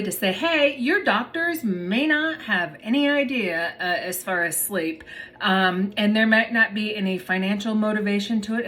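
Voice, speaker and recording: A woman's voice: medium pitch, a bit bright. A woman myofunctional therapist chatting casually and explaining plainly to her viewers, calling them "you guys". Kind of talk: casual educational talk to viewers.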